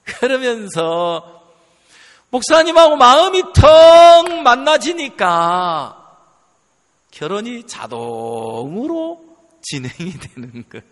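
A man preaching a sermon, telling a story in a lively way and acting out what others said. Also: very high voice, takes it slowly. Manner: animated storytelling, quoting others, laughing at times. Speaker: pastor. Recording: long hall reverb.

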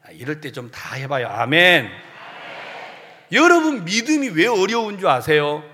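Male pastor, high bright voice with lively swings, playful sermon delivery, church hall echo. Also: moderate pace, a little hiss or hum. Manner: animated preaching, acting out congregants' voices with humor. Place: church sanctuary. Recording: long hall reverb.

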